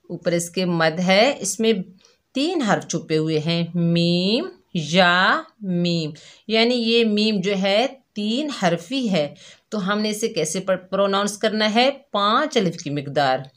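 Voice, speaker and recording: A woman gives a gentle lesson to young children, stretching out each letter and repeating it so the kids can follow. Her voice sits at an ordinary middle pitch, and she talks at a very unhurried pace. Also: lively intonation. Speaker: Quran teacher for children.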